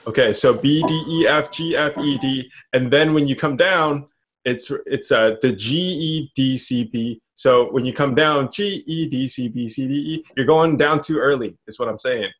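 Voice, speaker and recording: A music teacher gives a relaxed, patient one-on-one instrument lesson, calling out counts and notes and offering easy encouragement while an instrument plays behind him. His mid-range voice is fairly bright and moves at a normal speed.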